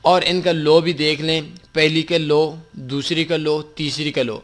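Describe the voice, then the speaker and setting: A man's voice: fairly high pitch, flat delivery. A man teaching a forex tutorial, explaining a chart step by step with patient repetition and mixed in. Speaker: forex trading instructor. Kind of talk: screen-recorded tutorial explanation.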